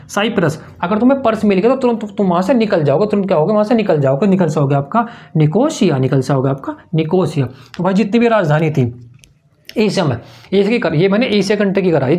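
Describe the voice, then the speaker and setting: A man's voice: high-pitched, mellow. A man teaching memory tricks in a lesson, asking questions and answering them himself in a sing-song way. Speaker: exam-prep teacher. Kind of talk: mnemonic lesson to camera.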